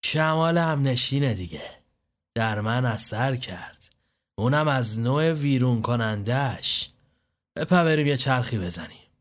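A man's voice: medium pitch, expressive, lightly acted. A man voicing a cocky young male gang member who talks in flippant, joking banter.

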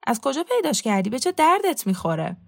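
Woman doing a tired bitter homebody guy, curt answers, a bit higher, gravelly. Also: very animated, exaggerated voice. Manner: curt, resigned replies. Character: weary, bitter reclusive man, master of the house. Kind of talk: storybook reading.

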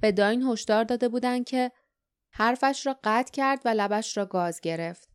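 Woman, audiobook narrator, smooth resonant voice, fairly high, steady storytelling.

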